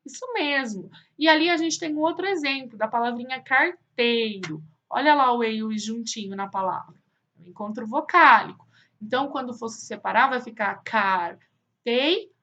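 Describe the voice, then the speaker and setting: Bright sing-song woman teaching small kids. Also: fairly high pitch. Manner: sing-song, drawn-out, answers her own questions for the kids. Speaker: primary school teacher. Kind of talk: online lesson for young children.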